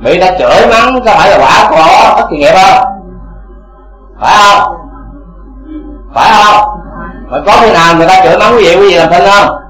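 A man's voice: high-pitched, moderate pace, long pauses, fairly bright tone, echoey room, faint music behind, poor audio. A man teaching Buddhist dharma to a congregation, asking rhetorical questions again and again.

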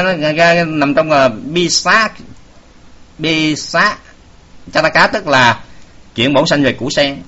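A man's voice: fairly high pitch, sharp tone. A man, a Buddhist preacher telling a story in a folksy way, with many filler sounds and direct words to the audience. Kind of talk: sermon storytelling. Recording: dull lo-fi recording.

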